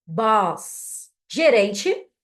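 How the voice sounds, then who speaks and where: A native Portuguese-speaking woman leads an English vocabulary lesson. She talks slowly, pausing for learners to repeat after her. Her tone is casual and encouraging, with a mid-range voice. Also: medium pitch, very animated. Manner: slow, patient drilling of words for learners to repeat; casual and encouraging, with frequent check-ins. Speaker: English teacher. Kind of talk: teaching vocabulary with call-and-repeat drills.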